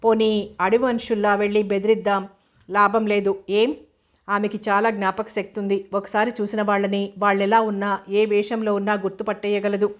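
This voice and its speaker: A woman's voice: medium pitch, flat delivery, brisk, lightly acted. A woman reading an audio novel, voicing a scheming male villager who sounds worried and agitated.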